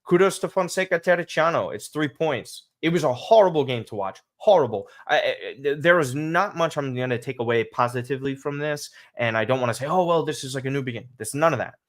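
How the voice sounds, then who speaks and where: A man's voice: mid-range voice, fairly quick, few pauses. Lisping man hosting a soccer livestream. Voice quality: slight lisp from dental aligners. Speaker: soccer podcast host. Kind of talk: casual livestream match commentary to viewers.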